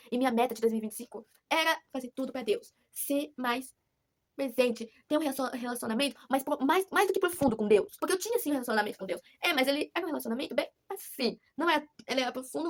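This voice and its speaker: Fast-talking Brazilian woman vlogger. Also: on the high side. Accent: Brazilian Portuguese. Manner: rambling, earnest, many restarts. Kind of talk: casual confessional vlog.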